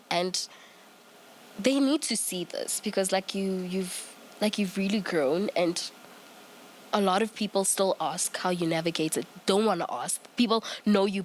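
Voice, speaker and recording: A woman in her twenties hosting a casual chat show, chatty and giggly with many restarts. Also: medium pitch. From South Africa. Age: 20s. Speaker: podcast host.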